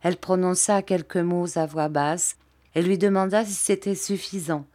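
A woman reading a classic novel aloud in a measured, even storytelling manner. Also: on the low side. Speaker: audiobook reader.

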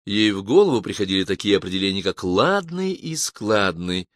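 A man reading an audiobook in a measured, dramatic narration. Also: low-pitched, expressive, dry recording, studio quality. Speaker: audiobook reader. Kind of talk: audiobook narration of science fiction.

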